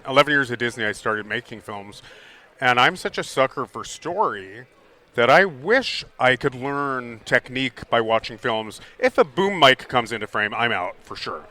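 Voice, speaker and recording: Bright-voiced chatty man hosting. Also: mid-range voice, animated, moderate pace. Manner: friendly, chatty, curious. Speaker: podcast host. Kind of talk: casual interview chat. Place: expo booth.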